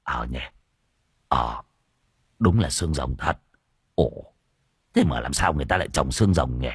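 A man's voice: extremely low pitch, animated, moderate pace, husky, no room sound, studio quality, pitched below the performer's own voice, heavily acted. A man voicing a dim-witted young man who muses and wonders aloud. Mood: puzzled.

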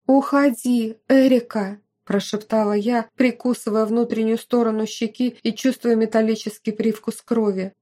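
Female audiobook narrator, first person, mellow and slightly high-pitched. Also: flat delivery, normal speed, few pauses.

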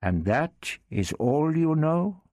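Man doing a commanding sultan, measured and deliberate, husky, lively pitch. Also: dry recording, studio quality, full character voice.

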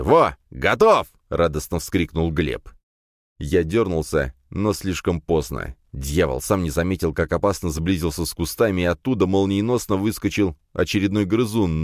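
A man reads a first-person adventure audiobook in a very deep voice. His telling is expressive, with wide, lively rises and falls. The studio sound is dry and close. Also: no echo. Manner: expressive storytelling. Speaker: audiobook narrator.

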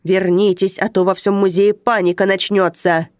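A woman's voice: medium pitch, level tone, moderate pace, darkish tone, dry recording, lightly acted. A short, round, middle-aged security guard barks orders and frets over the rules, as a woman reading a story puts him on. His manner is officious. The sound is dry and close. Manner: officious, barking.

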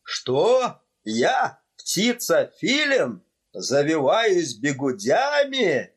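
A male reader voicing a pompous older vice-principal in a storybook, spluttering and shouting in rage. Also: mid-range voice, expressive, takes it slowly. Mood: outraged. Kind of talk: audiobook character voice.

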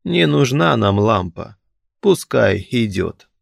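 Calm, sympathetic dead man with one ear, unhurried, read by a man. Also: on the low side, gravelly, dry recording, clean studio sound, full character voice.

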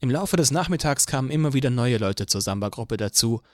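A man narrating an audiobook in a steady, even storytelling manner. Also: medium pitch, a little fast, no room sound, clean studio sound. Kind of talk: scripted narration.

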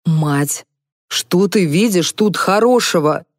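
A woman's voice: on the low side, lively intonation, takes it slowly, no echo, clean studio sound. A woman doing a sarcastic, grumbling young man. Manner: sarcastic, whiny.

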